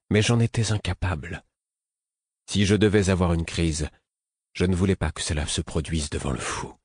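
Deep, husky male audiobook narrator. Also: darkish tone, dry recording, clean studio sound. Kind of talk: scripted first-person narration.

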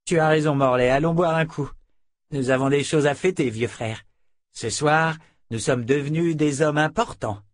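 A man's voice: fairly high pitch, normal speed, voice pushed up, close to an everyday voice. A man voicing a brutal, contemptuous male henchman who barks orders with scorn, in an audiobook. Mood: gruff. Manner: menacing, scornful, commanding. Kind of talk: audiobook character voice.

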